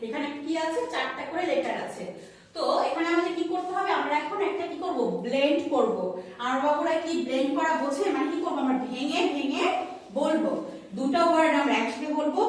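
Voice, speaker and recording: A woman's voice: high-pitched, brisk. A woman teacher giving a children's phonics lesson, patiently repeating sounds and asking and answering her own questions. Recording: very echoey room, voice far from mic.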